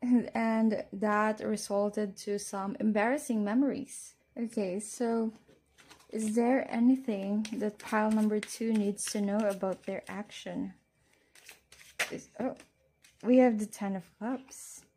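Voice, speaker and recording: Slow, mellow woman fortune teller reading tarot. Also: mid-range voice, steady tone, slight background noise. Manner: fortune teller, reading cards and predicting to the listener. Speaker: tarot card reader.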